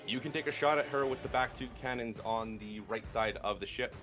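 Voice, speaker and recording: A man acting as game master, narrating a tabletop fantasy game with suspenseful, drawn-out phrasing. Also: mid-range voice, music in the background.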